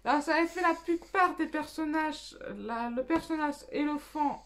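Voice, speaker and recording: A woman's voice: sits high, moderate pace, fairly bright tone, slight background noise. A young woman hosting a coloring channel, chatting casually at home, rambling with many fillers and restarts. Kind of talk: casual chat, showing coloring purchases.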